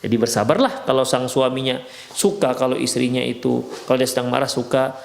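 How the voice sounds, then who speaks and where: In a mosque, a man with a Medan Indonesian accent delivers a lively, conversational Islamic lecture on marriage, briefly acting out a husband and wife and explaining Arabic texts. His mid-range voice is creaky and runs a little fast.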